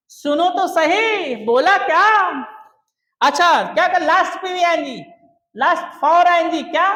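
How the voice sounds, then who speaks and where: High-voiced man drilling a class loudly. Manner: emphatic, loud, often shouting to the class. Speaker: spoken English teacher. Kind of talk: classroom lesson with call-and-response drilling. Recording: echoey room.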